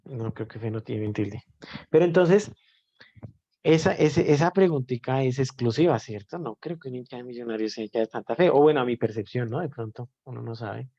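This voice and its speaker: A man's voice: medium pitch, a little fast, mellow, lo-fi sound. A man teaching math in a live online class. He explains step by step and keeps checking in with his students.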